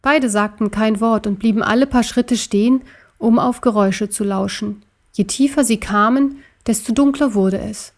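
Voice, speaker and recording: A woman narrating a children's story in a steady, measured reading voice. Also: a little high.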